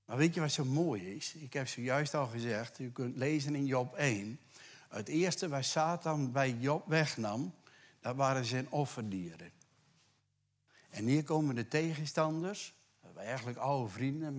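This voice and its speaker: A man preaching a sermon to a congregation, conversational and animated, dropping to hushed whispers for scripture and rising to loud emphatic bursts. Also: mid-range voice. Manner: conversational asides with tag questions. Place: church.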